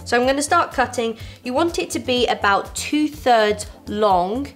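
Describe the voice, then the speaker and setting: A woman's voice: a little high, lively intonation, unhurried, soft background music. A young woman, hosting a baking tutorial from her home kitchen and giving friendly, reassuring step-by-step instructions. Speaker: baking show host. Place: home kitchen with fairy lights.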